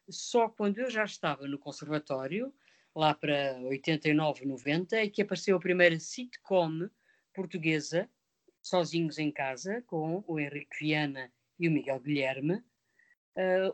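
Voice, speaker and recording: A woman in her fifties, from Mozambique, an actress answering interview questions in a reflective way, with many hesitations. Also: lowish voice. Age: 50s. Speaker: actress guest.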